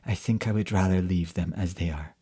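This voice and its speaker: A storyteller voicing a cold, mocking female fairy sorceress in a slow, soft, gloating way, deep and husky.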